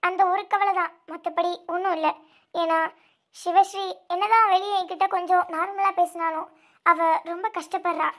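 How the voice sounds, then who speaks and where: In an amateur audio drama, a woman voices a grieving young snake-woman who guards her younger sister. Her delivery is tearful and halting, full of repeats, with an extremely high pitch, fairly even intonation and a fairly bright tone, and she sounds troubled.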